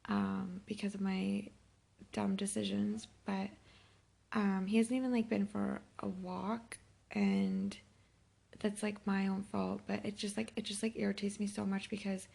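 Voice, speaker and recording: A hungover woman in her thirties talking in a weary, halting, self-reproachful way in a casual confessional vlog, sounding sick. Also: mid-range voice, gravelly, mellow, slightly rough. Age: 30s. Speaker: vlogger. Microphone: phone held by herself.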